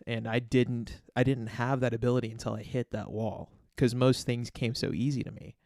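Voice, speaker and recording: Male podcast co-host, mid-pitched, earnest casual talker, dry close mic. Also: fairly even intonation, normal speed, darkish tone, no echo. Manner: earnest, careful explaining with frequent fillers.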